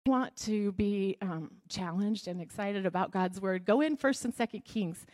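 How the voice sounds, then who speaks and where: A woman preaching a sermon to a congregation, chatty and lively, laughing often, dropping to a soft whisper when she prays. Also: mid-range voice, measured pace.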